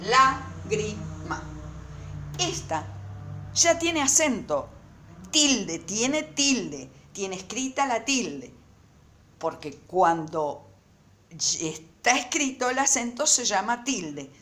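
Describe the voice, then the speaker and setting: A woman teacher talks her students through a recorded lesson. She goes slowly and stresses each word, and her pitch climbs and falls a lot. The room around her sounds echoey. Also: very animated, a bit bright. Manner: slow, emphatic, repeats words syllable by syllable.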